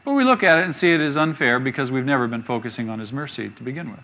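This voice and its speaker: A man preaching a sermon, reading scripture slowly and asking rhetorical questions with emphasis. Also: medium pitch, lively intonation, pushed and bright.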